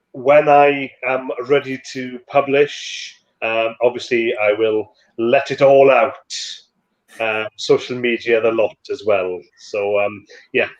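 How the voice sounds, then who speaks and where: Slow halting novelist, dull lo-fi mic. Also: male voice, mid-range voice. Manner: slow and halting, many fillers. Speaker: guest novelist. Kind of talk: casual panel chat.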